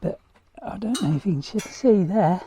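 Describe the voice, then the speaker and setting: A man's voice: high-pitched, expressive, moderate pace, mellow, slight background noise. A man up on scaffolding outdoors, out of breath and commenting casually on renovation work with dry, self-deprecating humour. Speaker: vlogger working on a house renovation. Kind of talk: casual chat and on-the-spot commentary.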